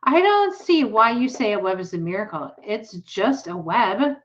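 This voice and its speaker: A fussy, anxious farm mother from a storybook, read aloud by a woman. She sounds puzzled and insistent, at a medium pitch. The sound is a little dull and lo-fi. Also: very animated, moderate pace, lightly acted. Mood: worried.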